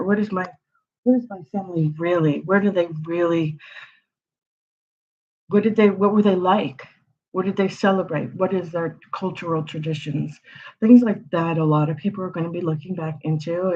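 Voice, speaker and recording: A woman with a lowish, slightly mellow voice hosts an astrology channel, delivering a casual, rambling forecast packed with rhetorical questions. The lo-fi recording sounds slightly dull.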